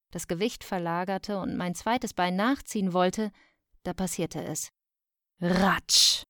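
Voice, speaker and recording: Female audiobook narrator, lower voice, steady measured delivery, dry close sound. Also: no echo. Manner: calm, measured storytelling. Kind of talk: scripted first-person narration.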